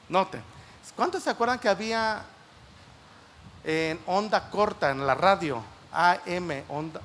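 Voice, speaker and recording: A man's voice: high-pitched, gravelly, a bit bright, slight background noise. A man preaching a sermon at a church service, often asking the congregation rhetorical questions.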